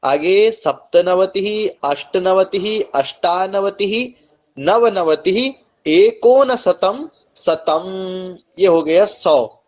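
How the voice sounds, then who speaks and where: A man teaching Sanskrit numbers in an online coaching class, reciting slowly and deliberately and often checking in with his students. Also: high-pitched. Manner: slow, deliberate recitation with frequent "ठीक है?" checks. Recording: slightly dull lo-fi recording.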